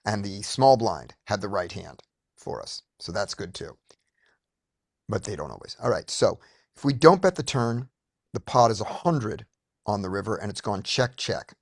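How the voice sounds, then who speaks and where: A man's voice: lowish voice, animated, moderate pace, no echo, clean studio sound. Man coaching a poker study group. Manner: upbeat, explains step by step with frequent restarts. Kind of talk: casual teaching discussion.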